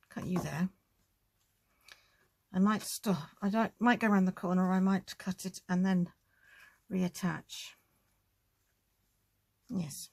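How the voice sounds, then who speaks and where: A woman's voice: fairly low pitch, creaky, a little mellow, slightly rough. A woman hosting a casual crafting tutorial, chatting and thinking aloud as she works.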